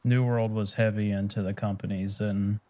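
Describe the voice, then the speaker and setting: A man's voice: fairly low pitch, little pitch movement, moderate pace, warm tone, dry recording, faint music behind. A man chatting casually while streaming a city-building game, laid-back and swearing offhand.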